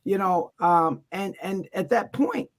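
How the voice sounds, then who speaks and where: A man's voice: sits high, expressive, slow. Man, church men's fellowship member; earnest panel speaker.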